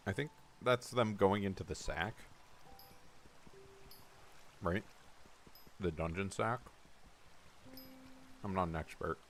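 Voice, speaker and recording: A man's voice: low voice, takes it slowly, long pauses, a bit bright, slight background noise. A man streaming a video game, chatting casually and rambling to his viewers as he plays. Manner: laid-back, rambling, chats to viewers while playing. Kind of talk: casual live-stream chat.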